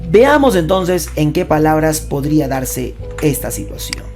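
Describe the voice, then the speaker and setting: Lively woman teaching syllables. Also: deep voice. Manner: sounds out words slowly and emphatically; chatty and joking, with asides. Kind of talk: playful grammar lesson. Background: faint background music.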